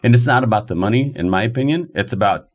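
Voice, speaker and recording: A man's voice: on the low side, animated, fast. A middle-aged man hosting an interview podcast, encouraging and affirming, speaking in loose, restarting sentences. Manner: encouraging, frequent affirming backchannels, rambling restarts. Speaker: podcast host. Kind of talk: casual interview talk.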